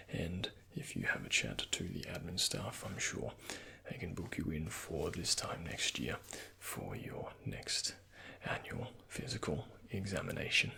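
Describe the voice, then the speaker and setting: A low-voiced, soft-spoken man plays a doctor in an ASMR roleplay, using a breathy, frequently half-whispered tone to give gentle instructions and reassurance.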